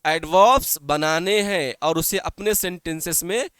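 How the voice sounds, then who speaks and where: High-voiced man teaching a class. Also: a little slow, fairly bright tone, clear, resonant tone, no room sound, studio quality. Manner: explains in Hindi-Urdu, repeats points, asks students questions; calls students "beta". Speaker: English teacher. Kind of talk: online class lecture.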